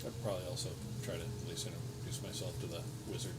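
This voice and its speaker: A man's voice: low-pitched, flat delivery, quick pace. A man playing a tabletop game with casual, wry, sweary banter. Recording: clear background noise.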